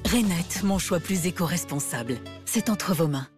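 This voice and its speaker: A woman's voice: fairly low pitch, expressive, moderate pace. Earnest woman narrating an ad over music. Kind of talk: scripted ad narration.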